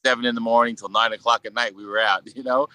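Man, Brooklyn accent, bright forceful voice, dry close sound, casual rambling interview talk, halting phrasing. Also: medium pitch, fairly even intonation, dry recording, rough recording. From Brooklyn, New York. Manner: halting, rambling, peppered with "you know". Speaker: podcast guest, sculptor.

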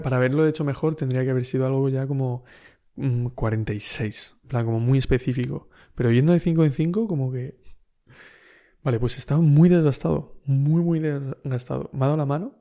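A man with a Spain Spanish accent tells a story in a relaxed podcast monologue. His voice is very dark and mellow. He rambles along in a slangy way, full of fillers and asides to the listener. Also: mid-range voice. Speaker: podcast host.

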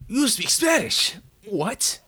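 A young American man co-hosts a casual podcast chat in an extremely high-pitched, husky voice with a sharp tone, speaking slowly but very animatedly. He tells stories with lots of energy, acts out quotes, and swears frequently.

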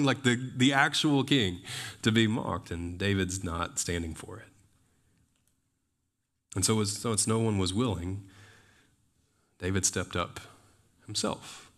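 Guy preaching a sermon real casual, kinda low voice, keeps asking the room questions. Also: fairly bright tone. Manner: conversational preaching with lots of fillers and rhetorical questions. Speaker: pastor.

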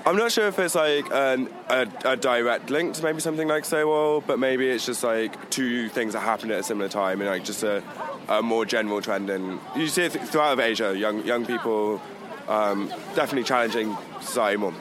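British man, mid pitch, tentative hedging speech, faint street noise, outdoor interview. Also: a little fast, crowd noise. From United Kingdom. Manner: tentative, qualifying, thinking aloud.

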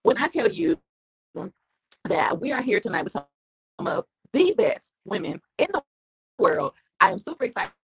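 A woman from Mississippi co-hosting a casual chat, energetic and preacherly, exclaiming. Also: a little high, moderate pace, vocal fry, pauses often, husky, no room sound. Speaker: co-host.

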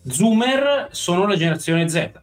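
A man in his twenties chats bluntly on a live stream, swearing freely. His pitch moves around a lot, and the room echoes, with faint music behind. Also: animated, moderate pace. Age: 20s. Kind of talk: casual chat.

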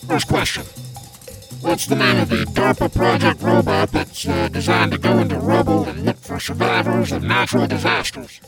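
A man voicing a gleeful, boastful male Christmas demon who hosts a comedy show, talking in a growling, mocking rasp with many cackles. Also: on the low side, moderate pace, over loud music. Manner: mocking, cackling, rambling menace. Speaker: show host.

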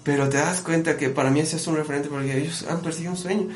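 Animated man in an echoey room. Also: fairly high pitch, fast. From Bolivia. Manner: animated storyteller, often calls the listener "brother". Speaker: musician and producer, podcast guest. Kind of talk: casual podcast conversation. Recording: echoey room with faint background noise.

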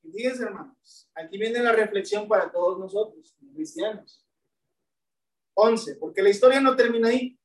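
A woman's voice: medium pitch, moderate pace. A woman preacher delivering a sermon, often putting rhetorical questions to the congregation and addressing them as brethren. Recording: echoey room, voice from a distance.

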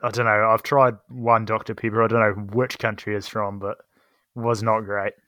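A young man co-hosting a casual podcast, easygoing and quick to laugh. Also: lowish voice, slight background noise. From New Zealand. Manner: relaxed, easygoing, laughs often. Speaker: podcast co-host. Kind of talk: casual chat.

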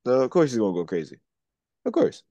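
A man's voice: mid-range voice, big pitch swings, fast, warm tone, no echo. Blunt profane man, casual podcast talk. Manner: blunt, profane, argues as devil's advocate. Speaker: podcast co-host. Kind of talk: casual chat.

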